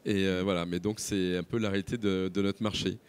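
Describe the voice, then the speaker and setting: Low-voiced man moderating a panel. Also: level tone, brisk, clean tone. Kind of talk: spontaneous panel discussion.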